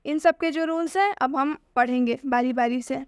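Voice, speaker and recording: Woman, pronunciation teacher, high voice, asks and answers her own questions, dry close sound. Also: normal speed, no echo. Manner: asks questions and then answers them, repeating each point. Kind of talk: explanatory lesson.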